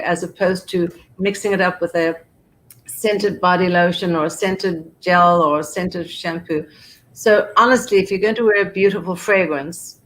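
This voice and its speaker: A woman's voice: lowish voice, poor audio. A woman perfumer chatting at an online event, effusive and full of restarts as she describes fragrances. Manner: effusive, piles on words like beautiful and gorgeous; frequent restarts and repetitions. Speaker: perfumer and fragrance brand founder. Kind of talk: casual online event chat.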